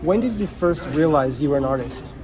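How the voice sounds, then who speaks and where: A man's voice: on the high side, animated, brisk, a crowd in the background, low-quality recording. A man interviewing a young artist, encouraging him and asking follow-up questions. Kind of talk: casual interview.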